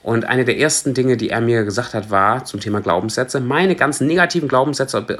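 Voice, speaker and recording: Man coaching in a lively talk. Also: medium pitch, fairly quick. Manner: lively, steps from very soft to animated, many restarts. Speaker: personal development coach. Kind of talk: casual motivational talk.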